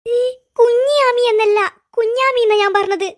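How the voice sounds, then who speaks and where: A voice artist playing a loud, muddled middle-aged cartoon auntie, who stammers when flustered. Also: very high-pitched, steady tone, moderate pace. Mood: indignant. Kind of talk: cartoon voice acting.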